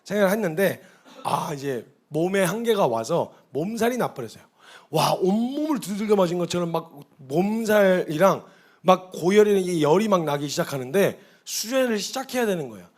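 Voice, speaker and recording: Earnest high-voiced man preaching a testimony. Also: very animated, normal speed. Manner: earnest, confessional storytelling. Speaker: missionary preacher. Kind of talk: conversational testimony sermon. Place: church hall.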